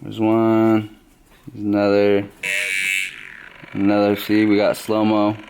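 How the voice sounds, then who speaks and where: A man's voice: on the low side, monotone, slow, creaky, noisy background. A man, a barber, giving a casual step-by-step how-to, often tagging his points with "right?". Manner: walks through steps, tags lines with "right?".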